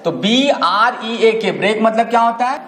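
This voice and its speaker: A man teaching a lesson, spelling words letter by letter, reading example sentences slowly and often asking whether his students have understood. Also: sits high, fairly bright tone, slight background noise. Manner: keeps checking understanding with "clear?" and "okay?". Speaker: English teacher. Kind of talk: classroom-style lesson explaining homophones. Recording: echoey room with long reverb.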